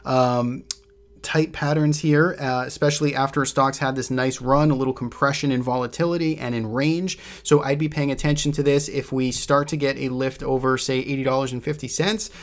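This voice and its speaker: A man's voice: medium pitch, steady tone, normal speed. Casual Boston man walking through charts. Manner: casual, loose, thinks aloud with frequent restarts. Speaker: host presenting stock trade ideas. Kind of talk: chart walkthrough commentary.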